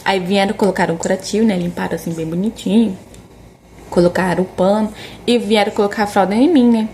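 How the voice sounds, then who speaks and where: A woman tells a personal story straight to the camera in a relaxed vlog style. She talks at a middle pitch and brings the story to life by acting out what people said, often tagging her sentences with quick questions. Faint noise sits behind her voice. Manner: animated, acts out quoted dialogue, frequent tag questions. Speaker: vlogger.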